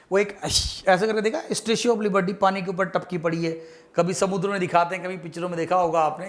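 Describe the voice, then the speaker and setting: A man giving a quick-fire chemistry revision lecture, mixing Hindi with English phrases and cracking playful jokes to help students remember. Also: a little high. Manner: playful, jokey mnemonics, calls students beta. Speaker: chemistry teacher. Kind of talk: fast-paced exam revision lecture.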